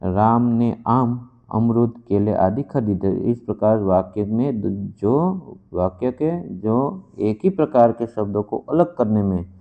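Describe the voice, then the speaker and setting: A man's voice: lowish voice, expressive, slow pace. A man teaching a lesson to camera, repeating himself often and correcting himself as he goes. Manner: repeats itself, with fillers and self-corrections. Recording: dull lo-fi recording.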